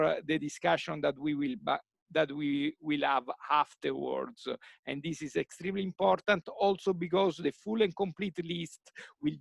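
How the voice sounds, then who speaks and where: A man's voice: on the high side, gravelly, dry recording. Male moderator on a video call, filler-heavy, dry sound. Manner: repetitive, many fillers and restarts. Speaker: workshop moderator. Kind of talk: online meeting facilitation.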